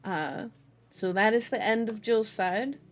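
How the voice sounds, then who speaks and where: In an unhurried, medium-pitched voice, a woman hosting her own channel reads a novel aloud ASMR-style, dropping in chatty, playful asides. Music plays behind her.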